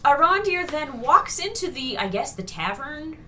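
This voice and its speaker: Bright-voiced sarcastic woman reviewer. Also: high voice, big pitch swings, moderate pace, recorded from a distance, slight background noise. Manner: chatty, sarcastic, many fillers. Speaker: co-host reviewing a TV episode. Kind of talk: casual critical chat.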